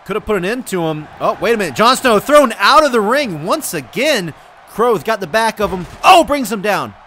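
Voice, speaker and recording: A man giving excited play-by-play commentary on a wrestling video game, often shouting and exclaiming and calling his viewers folks. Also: high-pitched, normal speed, a little hiss or hum.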